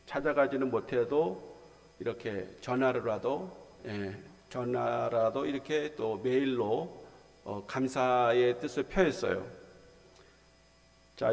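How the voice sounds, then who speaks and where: Gravelly pastor preaching in a hall. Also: male voice, mid-range voice. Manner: slow, measured preaching with frequent fillers. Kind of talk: sermon. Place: church sanctuary.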